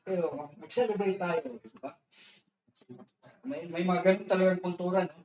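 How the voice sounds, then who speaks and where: A man's voice: high-pitched, moderate pace, darkish tone, far from the mic, a little hiss or hum. A man preaching a sermon in a loose conversational way, with frequent restarts and tag questions, switching between Tagalog and English. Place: church hall. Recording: echoey church hall, dull lo-fi sound, speaker off-mic.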